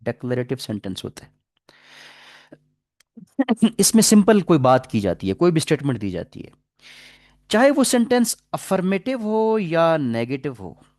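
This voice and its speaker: A man teaching English grammar in a classroom lecture, explaining patiently, reading English example sentences slowly and asking the class questions. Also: a little high, sing-song, a little mellow, no echo, studio quality. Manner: asks the class questions and repeats answers.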